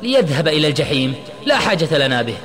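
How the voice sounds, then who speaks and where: A man voicing a hot-tempered young man who shouts in alarm, his voice rising sharply, in a storybook reading with long reverb. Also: on the high side, very animated, rapid-fire, over music, pitched above the performer's own voice. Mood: angry.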